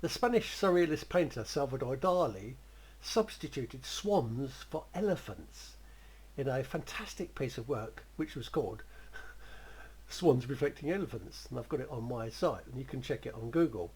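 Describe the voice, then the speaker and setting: A man's voice: fairly high pitch, a little mellow, slightly rough, low-quality recording. A man gives a rambling, conversational creative writing lesson and often chuckles.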